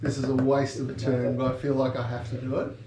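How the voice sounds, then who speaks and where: A man's voice: medium pitch, monotone, fast talker, far from the mic. A man playing a tabletop game in a playful, wry way. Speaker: player. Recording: echoey room with faint noise.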